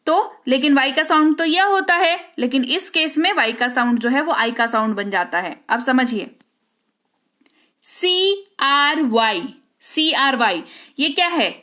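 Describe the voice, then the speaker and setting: A woman's voice: high-pitched, expressive, moderate pace, pushed and bright. A woman teaching English spelling rules, spelling words out letter by letter and checking in with the class through frequent rhetorical questions. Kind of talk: spoken English lesson in Hindi.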